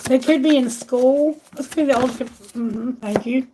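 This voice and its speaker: High-voiced chatty tarot reader woman. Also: normal speed, background noise. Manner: chatty, exclamatory, thinking aloud. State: losing her voice. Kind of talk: live tarot reading.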